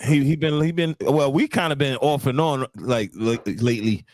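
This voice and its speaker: A man's voice: mid-range voice, normal speed, darkish tone, no echo. A man hosts a casual talk show in a mid-range voice. The sound is dry and close. He talks loosely, repeats himself and restarts his sentences a lot. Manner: loose and repetitive, restarts often. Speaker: podcast host.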